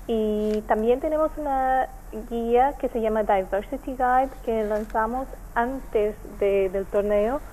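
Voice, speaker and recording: A woman from Portugal with a Portuguese accent, speaking Spanish as a second language, answering interview questions with many pauses and fillers. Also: fairly high pitch, warm tone, slight background noise, poor audio. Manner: hesitant, many fillers and restarts. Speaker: NGO representative.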